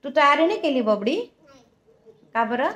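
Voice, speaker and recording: Woman, home vlog, high voice, sing-song baby talk to a toddler, bedroom at home. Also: lively intonation, normal speed, a bit bright, muffled recording. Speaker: mother and vlogger.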